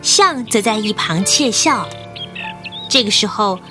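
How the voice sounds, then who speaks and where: A woman narrating a children's history story in an expressive, clear way. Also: mid-range voice, measured pace, faint music behind. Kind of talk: scripted storytelling.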